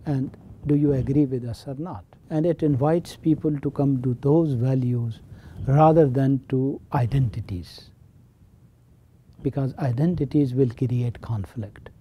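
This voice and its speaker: His voice is mid-range, dark, and slightly rough, and he speaks unhurriedly. He's a middle-aged Pakistani-accented man from Pakistan who teaches college and serves as chaplain, earnestly explaining things in an interview and returning to key phrases.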